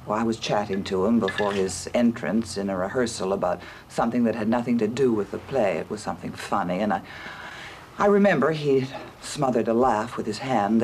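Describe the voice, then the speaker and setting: A man's voice: on the low side, darkish tone, a little hiss or hum. Man telling a fond anecdote. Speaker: colleague. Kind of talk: reminiscing interview.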